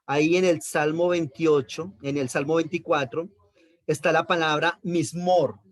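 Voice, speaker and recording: A man's voice: a little high, fairly even intonation, unhurried. A man teaching a Bible lesson on Hebrew accent marks, explaining patiently, repeating key terms and checking in with his listeners.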